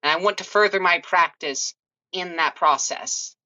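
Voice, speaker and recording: A haughty pony mage from another world with a formal, affronted way of speaking, as a woman puts her on. Her voice is low and bright, heard through a dull, muffled recording. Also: steady tone, normal speed, no echo, heavily acted. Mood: indignant.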